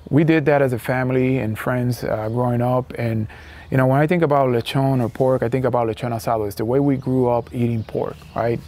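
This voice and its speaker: A man's voice: medium pitch, steady tone, a little fast, mellow. A man in his forties from Puerto Rico with a Puerto Rican accent, explaining a recipe step by step in an easygoing way, with lots of fillers, outdoors on a patio with a lapel mic. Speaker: cooking demonstrator. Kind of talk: casual cooking demonstration. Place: outdoor patio beside a house.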